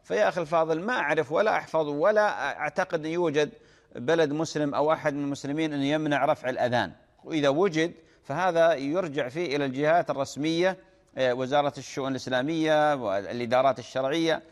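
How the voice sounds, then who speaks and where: A man's voice: a little high, fast talker, big-room sound. A man answering listeners' religious questions on a Q&A program. He explains patiently, repeats phrases and calls the questioner "my dear brother,".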